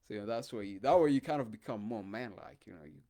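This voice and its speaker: A man's voice: fairly low pitch, quick pace, warm tone. A man talking in a casual, rambling monologue full of hesitations and fillers. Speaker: podcast host.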